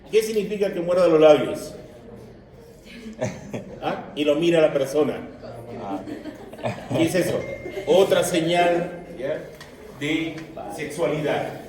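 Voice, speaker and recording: A man giving an animated, joking classroom lecture to his students. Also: on the high side, slow, long pauses. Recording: echoey room, mic far off, noisy.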